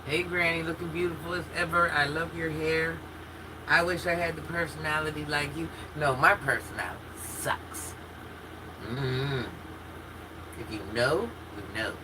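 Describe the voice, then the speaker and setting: A woman in her fifties hosts a relaxed livestream, chatting openly with her viewers and reacting to their comments. She talks candidly and laughs easily. A steady air-conditioning hum runs under her voice. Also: deep voice, unhurried. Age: 50s. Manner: chatty and candid, talks straight to chat with frequent laughs and restarts. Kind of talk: casual chat.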